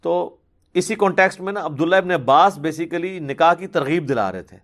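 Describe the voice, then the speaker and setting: A man's voice: on the high side, expressive, a bit bright. A man giving a religious question-and-answer talk, reasoning patiently and pressing hard on his key points.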